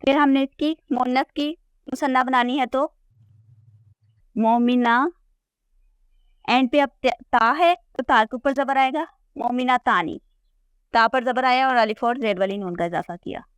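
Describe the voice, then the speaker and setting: Her voice high, clear, and resonant, a woman teaches Arabic grammar at a moderate pace, walking the class through a chart. She patiently repeats word forms and checks in with her students, and the recording is dry.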